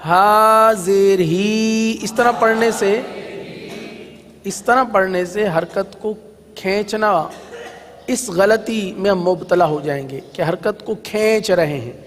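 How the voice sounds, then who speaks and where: A man teaching Quran reading in an Islamic lesson. He chants letter spellings in a sing-song and then explains quickly. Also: high-pitched, a bit bright, big-room sound.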